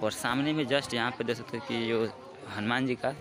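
A young man from Bihar, giving a casual vlog tour outdoors. He talks into a phone at arm's length, with many filler phrases and hesitant pauses. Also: medium pitch, fairly even intonation, music in the background, crowd noise. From Bihar, India. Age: young adult. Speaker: vlogger. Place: outdoors at a village temple ground. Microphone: phone held at arm's length.

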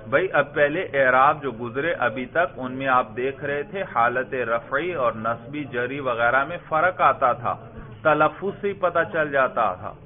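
A man from Pakistan leads a classroom grammar lesson, throwing questions at his students and echoing back what they answer. He stretches out the example words in a chanting sing-song. The sound is thin and tinny, like a phone line. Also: medium pitch. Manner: drawn-out chanting of word forms. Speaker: religious school teacher.

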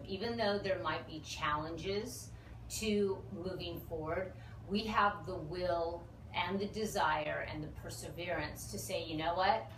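A middle-aged woman giving an earnest, reflective, unscripted explanation as a healing teacher, pausing mid-phrase. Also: lowish voice, fairly bright tone. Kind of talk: unscripted explanatory talk to camera. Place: small indoor room, seated. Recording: roomy, distant mic, clear background noise.

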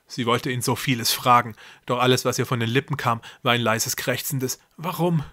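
A man reading aloud from his own novel in a steady, measured storytelling voice. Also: medium pitch, no room sound, clean studio sound. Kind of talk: audiobook-style reading of a novel.

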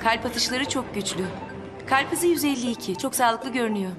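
An actress playing a doctor who gives brisk, clinical patient reports. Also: female voice, fairly high pitch, music in the background, close to an everyday voice. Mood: calm.

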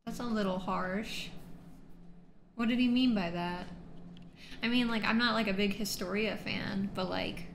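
A woman's voice: mid-range voice, steady tone, measured pace, pauses often, a little hiss or hum. A young woman hosting an anime reaction video, talking straight to her viewers in a chatty, emphatic way with plenty of fillers. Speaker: anime reaction channel host. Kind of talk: casual reaction commentary. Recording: roomy echo.

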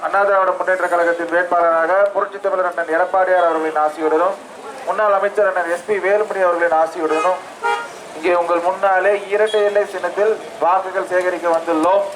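A man's voice: high-pitched, fairly even intonation, brisk, background noise. A man making a formal election campaign speech to voters at an outdoor street rally. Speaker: election candidate.

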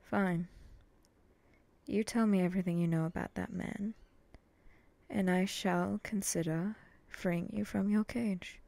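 Woman doing a brooding samurai, ASMR role-play, breathy n dark, real slow, short flat lines. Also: mid-range voice, dry recording. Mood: wary, intrigued. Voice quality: breathy, often dropping in a soft voice. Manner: slow, terse, deadpan. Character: brooding, vengeful samurai, guarded and curt.

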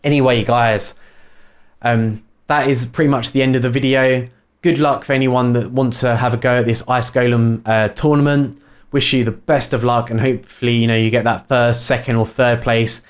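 A man's voice: mid-range voice, fairly even intonation, moderate pace, clear, resonant tone. A man giving a casual game guide commentary, rambling along with plenty of fillers and restarts. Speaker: gaming video creator.

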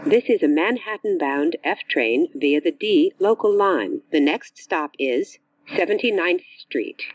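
A man's recorded train announcements, spliced together from separate words, slow and clipped with pitch jumps where the words are joined. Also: animated, no echo. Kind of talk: prerecorded transit announcements. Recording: muffled train speaker recording.

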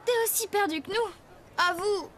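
A woman's voice: extremely high pitch, normal speed, a bit bright, a little hiss or hum. A woman voicing a blunt young cartoon basketball player with a frank manner. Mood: worried.

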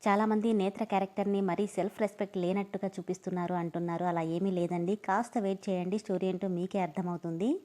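A woman's voice: mid-range voice, steady tone, quick pace, mellow. A woman narrating audio stories, talking chattily and apologetically to her listeners before reading an episode. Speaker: story narrator.

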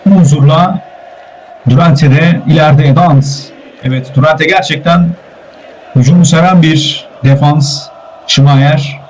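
A male play-by-play commentator with a fairly high voice, calling an online football match live. He rattles off names in quick bursts and climbs sharply toward shouts when shots hit the post or go in. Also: fairly even intonation, a little hiss or hum, poor audio. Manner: rapid name-calling, rising to shouts at goals.

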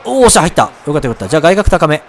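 A man narrates his baseball video game, and his voice climbs high and swings widely with every pitch. He yells when plays go his way or against him, then drops into low, quick asides. He keeps a polite tone with his viewers. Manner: excitable, shouts at big plays, mutters asides; polite to viewers, apologizes for loud outbursts. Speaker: let's play commentator. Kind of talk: excited gameplay commentary.

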